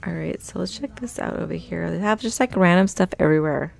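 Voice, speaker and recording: Recorded on a handheld phone inside a big store, this woman vlogs her shopping trip briskly, chatty and upbeat as she names items and their prices. She speaks in a slightly low register with a gravelly, creaky rasp.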